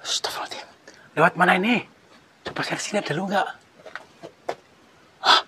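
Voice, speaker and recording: A man on a cave exploration vlog, talking in a hushed, nervous way and muttering prayers. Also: high-pitched, brisk, noisy background.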